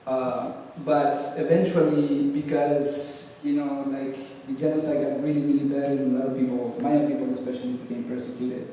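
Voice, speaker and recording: A middle-aged man from Guatemala, speaking to a congregation and answering an audience question in a measured, thoughtful way with frequent hesitations. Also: medium pitch, flat delivery, warm tone, a little hiss or hum. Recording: echoey hall, voice from far off.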